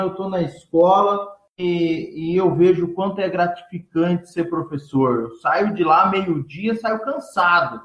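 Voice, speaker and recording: A man, a teacher of entrepreneurship, answering interview questions in relaxed talk with many fillers and trailing phrase ends. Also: fairly high pitch, echoey room, dull audio. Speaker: entrepreneurship teacher and speaker, guest.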